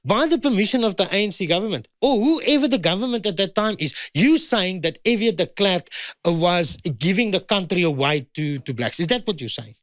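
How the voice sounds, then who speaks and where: A man's voice: sits high, lively intonation, brisk, no echo, studio quality. A South African man in his fifties, a guest in a heated conversation, pressing and repeating his points. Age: 50s.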